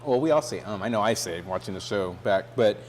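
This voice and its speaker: A man from Texas, co-hosting a casual chat show in a relaxed, easygoing way with plenty of "uh"s. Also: lowish voice, brisk, heavy background noise. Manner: relaxed, uses "y'all", frequent "uh" fillers. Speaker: co-host.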